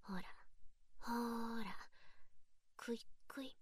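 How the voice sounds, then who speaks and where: A woman's voice: slow, no room sound, close to an everyday voice. A young woman voicing a sadistic, teasing young woman who mocks and bosses the listener, in a whispered role-play with taunting baby talk.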